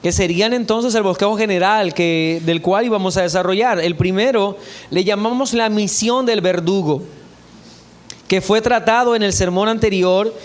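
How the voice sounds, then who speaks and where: A pastor with a notably high voice for a man delivers a church sermon. He works through scripture in a steady, measured preaching style and reads the verses aloud.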